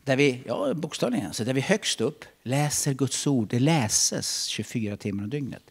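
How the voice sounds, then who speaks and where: A middle-aged pastor preaches in a church, his voice rising to loud calls and dropping to quiet asides. His pitch moves widely and expressively. The manner is animated and direct. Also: vocal fry, slightly rough. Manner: animated, swings between shouting and hushed asides. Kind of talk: sermon.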